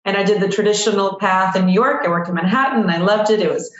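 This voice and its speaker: A woman in her forties, originally from Russia and a native Russian speaker, talks fast at a medium pitch in an echoey room with dull audio. She owns a PR agency and tells her story as a guest in a casual interview, chatty and self-deprecating.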